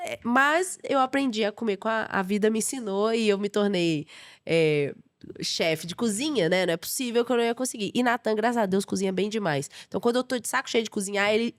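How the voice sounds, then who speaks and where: A young Brazilian woman with a Brazilian Portuguese accent chats as a guest chef on a podcast. She tells personal stories in a lively, emotional way and laughs easily. Her voice sits at an ordinary middle pitch for a woman. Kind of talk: casual podcast interview storytelling.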